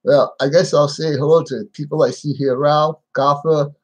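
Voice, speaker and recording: Toothless man, halting live-stream talk. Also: fairly high pitch, steady tone, muffled recording. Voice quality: toothless, slightly slurred speech without dentures. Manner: halting, plain-spoken, repeating himself. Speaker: livestream host. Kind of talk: casual live stream chat.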